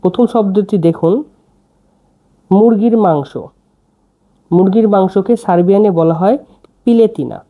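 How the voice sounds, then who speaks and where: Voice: mid-range voice, measured pace, pauses often, mellow. A teacher giving a language lesson, spelling each word out letter by letter and repeating every phrase.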